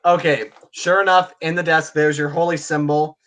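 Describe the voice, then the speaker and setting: A man acting as game master, casually narrating a tabletop game and improvising haltingly. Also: on the high side, steady tone, fairly bright tone, slight background noise.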